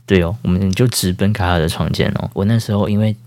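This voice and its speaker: Low-voiced man telling a rambling story. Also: steady tone, quick pace, darkish tone. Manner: rambling, with many fillers and self-corrections. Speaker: podcast host. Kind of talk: casual storytelling.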